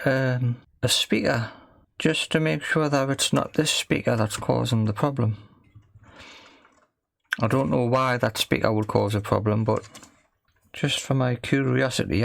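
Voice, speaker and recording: Speaking a little slowly in a mid-range voice with vocal fry, an amateur repair video maker thinks aloud during a hands-on fix. His commentary is casual, tentative and self-deprecating. There's no room sound, though faint background noise and clicks from the workbench can be heard.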